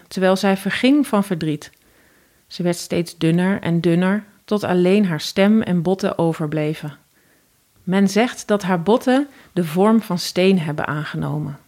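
A woman with a Dutch accent narrating a fairy tale in a calm, even storytelling voice. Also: fairly low pitch.

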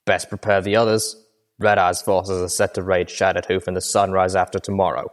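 A man voicing a scheming crime boss stallion who speaks with calm menace. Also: low voice, brisk, natural voice. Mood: smug.

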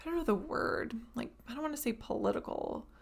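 A woman's voice: a little high, expressive, a little fast, gravelly, breathy edge. A woman hosting a casual monologue podcast, chatty and rambling, with lots of "like". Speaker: podcast host.

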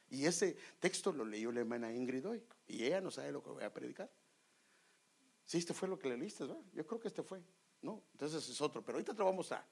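A middle-aged Guatemalan preacher man tells a story from the pulpit, his voice husky with a gravelly edge. He speaks in a Guatemalan Spanish accent, swinging his pitch up and down in a lively way. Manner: animated storytelling, drops to whispers for inner thoughts. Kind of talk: sermon with personal story.

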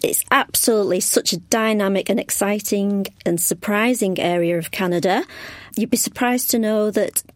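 A woman's voice: medium pitch, normal speed, no echo. A woman travel agent as a podcast guest, eager and chatty.

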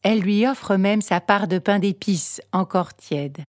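A woman narrating a children's storybook at a slow, unhurried pace. Her reading is calm and measured. The voice is close and dry. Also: mid-range voice, no echo, soft background music. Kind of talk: storybook read-aloud narration.

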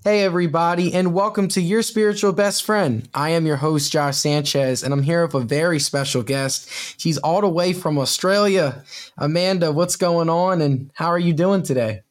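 A man's voice: fairly high pitch, moderate pace. A man hosting a spiritual podcast over a video call, with an eager, upbeat manner, often repeating words and restarting sentences. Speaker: podcast host. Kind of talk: upbeat podcast intro and interview.

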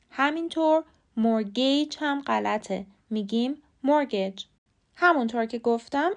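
Woman, slightly high, spelling words slowly. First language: Persian. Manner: clear, careful, spells words letter by letter. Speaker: podcast host and English teacher. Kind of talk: scripted podcast lesson.

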